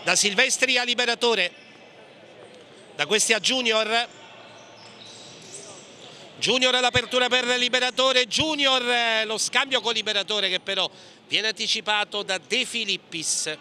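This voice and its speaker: High, bright male match commentator. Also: measured pace, long pauses. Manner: clipped running play-by-play, naming players pass by pass, with hesitations. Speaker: sports commentator. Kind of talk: live futsal match commentary. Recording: gym ambience with clear background noise. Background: indoor sports hall sounds, bouncing ball.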